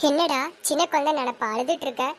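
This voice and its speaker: A woman's voice: high voice, fast, a little hiss or hum, natural voice. A woman playing a stern, domineering mother who talks in commands and threats, in a homemade serial drama. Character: stern domineering mother, woman, forcing her son's marriage.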